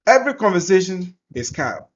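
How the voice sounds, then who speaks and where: A man's voice: high voice, sing-song, a little fast, dull audio. A man from Ghana with a Ghanaian accent, teaching through personal stories and repeating phrases for emphasis. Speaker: course presenter. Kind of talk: personal storytelling in a lesson.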